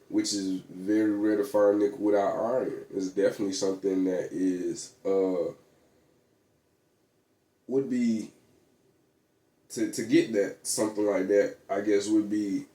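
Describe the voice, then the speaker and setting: A man with a low, dark, mellow voice talks in a loose, rambling way, heavy on slang and filler words. He keeps restarting his sentences as he goes. His voice bounces around a roomy, echoey space. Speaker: vlogger. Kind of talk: casual monologue. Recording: echoey room.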